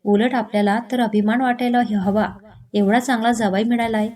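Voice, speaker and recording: A woman voicing a gentle, fair-minded middle-aged father in a spoken storybook. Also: on the high side, normal speed, natural voice. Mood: reassuring. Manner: calm, reassuring.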